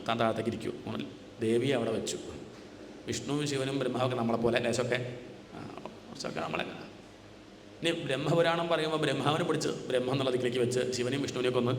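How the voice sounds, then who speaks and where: A man giving a religious discourse as a spiritual teacher, asking rhetorical questions and answering them himself, now and then chanting verses slowly. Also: mid-range voice. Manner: chants scripture lines slowly. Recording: echoey hall with faint noise.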